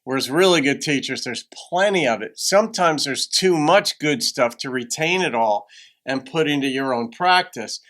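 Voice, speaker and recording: A man's voice: mid-range voice, expressive, moderate pace, fairly bright tone. A man hosting a reaction video with conversational commentary in a thoughtful, musing manner.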